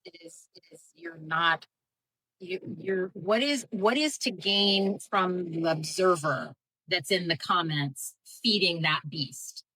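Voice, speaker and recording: American woman hosting a livestream chat, blunt, lowish bright voice, dry close sound. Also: slow, slightly rough, no echo, rough recording. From United States. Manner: blunt and direct, animated with many fillers. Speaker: host. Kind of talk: casual livestream conversation.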